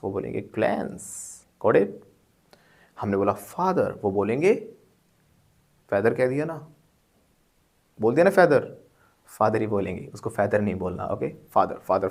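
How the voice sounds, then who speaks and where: A man with an Indian accent teaching English word use in a lesson, explaining step by step, repeating words to drill them and asking checking questions. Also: mid-range voice.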